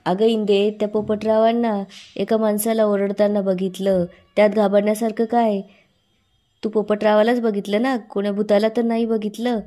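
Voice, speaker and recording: A woman's voice: mid-range voice, level tone, moderate pace, dark tone, natural voice. A woman voicing an impatient young man coaxing and teasing a girl.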